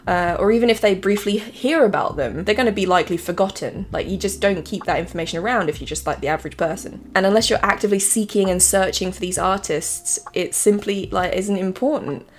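A woman's voice: mid-range voice, brisk, hardly any pauses, a little hiss or hum. A woman co-hosting a podcast in casual chat, rambling with lots of fillers and frequent giggles. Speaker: podcast co-host.

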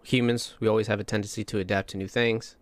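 A man's voice: lowish voice, flat delivery, fast, no echo, studio quality. A young man from Indiana hosting a casual interview, laid-back and slangy. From Indiana, USA. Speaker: interview host.

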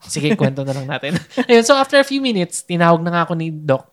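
A man's voice: a little high, big pitch swings, a little fast. A young man in casual chat, recounting a birth as a meandering storyteller who searches for his words. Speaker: new father recounting a birth.

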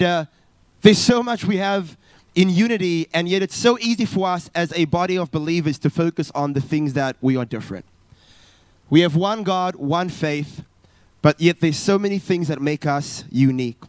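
A youth pastor in his thirties from South Africa preaches earnestly from a church stage during a live service, often saying "uh" and restarting. His high-pitched voice is smooth and moves at a normal speed. There is no echo.

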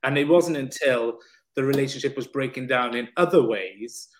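Speaking at medium pitch and a moderate pace, a podcast guest shares an emotional personal story in a frank, conversational way. He's a personal trainer and counsellor, and he swears casually and restarts his sentences often.

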